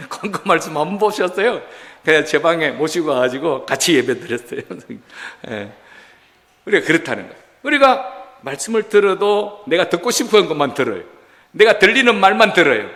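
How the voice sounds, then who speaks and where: A male pastor preaching a Sunday sermon in a church, animated, acting out quotes and asking the congregation rhetorical questions. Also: on the high side, normal speed. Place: church sanctuary. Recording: long church hall reverb.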